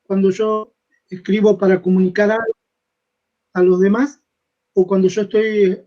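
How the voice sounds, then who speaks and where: A man's voice: high-pitched, flat delivery, mellow. A man asking a question in an online class, his audio choppy and breaking up over a video call. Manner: halting, restarts phrases. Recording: dull lo-fi video call line.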